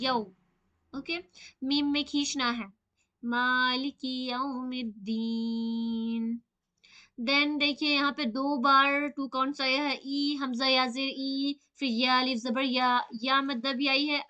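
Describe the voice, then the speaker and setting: A woman teaching Quran recitation rules in a live online class, patiently repeating and slowly drawing out example words. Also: high voice, sharp tone, muffled recording.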